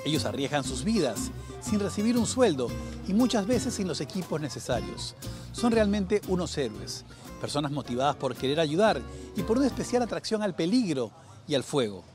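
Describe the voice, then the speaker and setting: A man, a correspondent giving scripted documentary narration in an expressive, measured way. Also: fairly high pitch, over music.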